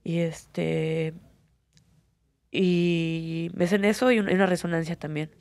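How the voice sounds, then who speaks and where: A woman's voice: fairly low pitch, steady tone, takes it slowly, a little mellow, no echo. A young woman with a Mexican accent, an MMA fighter telling her story earnestly in an interview, with many fillers. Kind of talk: candid personal interview.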